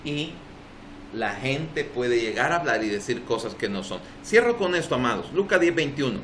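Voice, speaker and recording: Here the congregation answers an emphatic sermon from a pastor who speaks Spanish with a Salvadoran accent. He has a mid-range, slightly bright voice with big pitch swings and a moderate pace, and there's a little hiss or hum.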